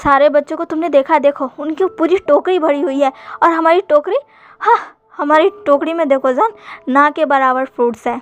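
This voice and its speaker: A woman's voice: high voice, moderate pace, dull audio, natural voice. A woman voicing a fretful young man who scolds his friend, in a fan story. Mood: complaining. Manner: scolding, complaining.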